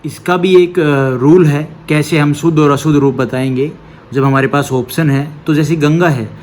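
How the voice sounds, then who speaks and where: A man's voice: fairly high pitch, steady tone, normal speed, a little mellow. A male teacher giving an exam-prep grammar lesson, patiently explaining step by step, posing questions and answering them himself, with a checking "okay" after each point.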